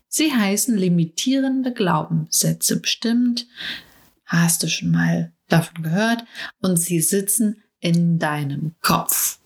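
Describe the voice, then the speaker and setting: In a soft, intimate monologue, a middle-aged woman with a lowish voice speaks as a coach, reflecting aloud and addressing the listener directly.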